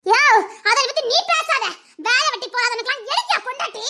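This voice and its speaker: A woman playing a loud, sharp-tongued young wife, shouting and taunting her husband. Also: extremely high pitch, quick pace, full character voice. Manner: shouting, taunting, mocking laughs.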